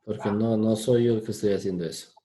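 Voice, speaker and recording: A man's voice: lowish voice, fairly even intonation, quick pace, dark tone, a little hiss or hum. A man teaching an online English class, patient and often asking for confirmation. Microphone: video call.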